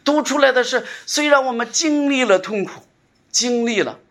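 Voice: medium pitch, normal speed, fairly bright tone. Earnest preacher repeating phrases. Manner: repeats phrases for emphasis, calls for responses; earnest, conversational preaching with rhetorical questions. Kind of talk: sermon to a congregation.

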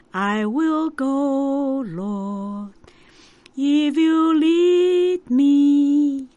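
A woman's voice: mid-range voice, fairly bright tone, dry recording. Woman, devotional program host, earnest, conversational, many fillers, dry close sound. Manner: earnest, retells Bible scenes with many fillers. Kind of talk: reflective spiritual sharing, conversational.

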